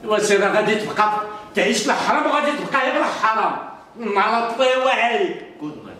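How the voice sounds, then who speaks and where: A man playing an angry mother who scolds her grown son, with a Moroccan accent and sharp shouted rebukes. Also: sits high, animated, fast talker. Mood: exasperated. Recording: echoey room, far from the mic, noisy.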